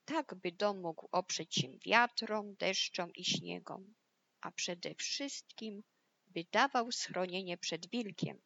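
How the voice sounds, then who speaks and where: A woman's voice: on the low side, slow, gravelly, highs cut off, exaggerated voice. A woman voicing a wise, hardworking male pig in a storybook, speaking steadily and firmly. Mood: stern. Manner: steady, admonishing. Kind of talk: storybook reading.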